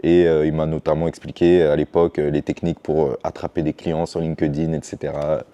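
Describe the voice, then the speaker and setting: Recounting his path in a casual podcast interview, a financial educator raised in the Paris suburbs with Martinican family roots explains things in a relaxed, conversational way. His voice is extremely low and mellow, fairly quick, and flat in delivery.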